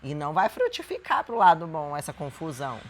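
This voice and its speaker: A Brazilian woman with a fairly low voice talks in an earnest, explanatory way as a co-host. Her intonation is very lively, rising and falling through each sentence. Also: brisk. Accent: Brazilian Portuguese. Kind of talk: reflective advice talk.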